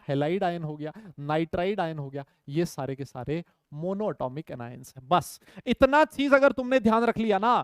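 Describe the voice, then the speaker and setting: A man's voice: high voice, smooth, dry recording, clean studio sound. A man teaching a chemistry lecture, emphatic, repeating key points and checking in with his students. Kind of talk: online lecture.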